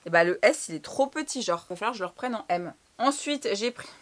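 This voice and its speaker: Young woman, chatty, slangy, casual haul vlogger, mid pitch. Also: animated, brisk. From France. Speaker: fashion vlogger.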